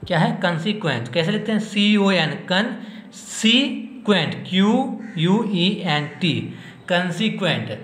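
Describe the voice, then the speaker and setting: A man's voice: high voice, expressive, takes it slowly, fairly bright tone, roomy sound. A male teacher giving an exam-prep spelling lesson, spelling words letter by letter and asking the class questions that he then answers himself.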